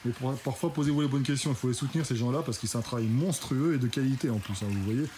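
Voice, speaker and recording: A man's voice: medium pitch, fast talker, dark tone. A man interviewing a farmer for a fitness channel, chatty and encouraging, thinking aloud as he goes. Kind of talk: casual interview. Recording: noisy ambient background.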